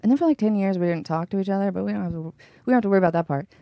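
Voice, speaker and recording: A woman's voice: mid-range voice, very fast, creaky, dark tone, no echo. A woman hosting a livestream in casual, bantering chat, playful and emphatic, rambling as she goes. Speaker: livestream host.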